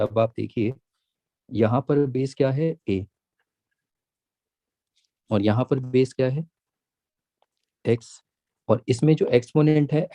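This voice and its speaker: A man teaching a math lesson, patiently repeating each point and stretching key words out slowly. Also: mid-range voice, mellow, dry recording. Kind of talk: classroom lesson, mixing Hindi and English.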